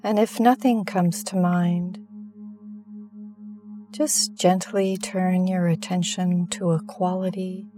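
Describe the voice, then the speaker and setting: A woman guiding a meditation, giving gentle, soothing instructions with long pauses. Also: fairly low pitch, fairly even intonation. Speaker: meditation guide. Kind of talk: guided meditation. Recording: music bed underneath. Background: singing bowl and music.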